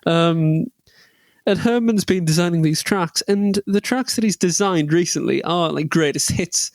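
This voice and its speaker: A man with a high voice co-hosts a loose podcast chat. He rambles jokily from tangent to tangent and restarts his sentences often. The sound is dry and close. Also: measured pace, dry recording. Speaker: podcast co-host. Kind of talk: casual chat.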